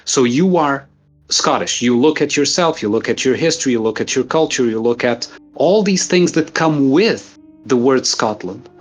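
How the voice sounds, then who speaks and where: A man's voice: mid-range voice, expressive, moderate pace, soft background music. Earnest man explaining ideas. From Portugal. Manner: earnest, explaining at length with examples. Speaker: guest thinker. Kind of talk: casual philosophical conversation.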